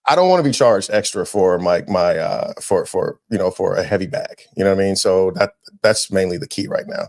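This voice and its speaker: A man hosting a podcast, chatting casually and telling lively stories, dropping "man" often. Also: low voice, gravelly. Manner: animated storyteller, quick, slangy, says "man" a lot. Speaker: podcast host.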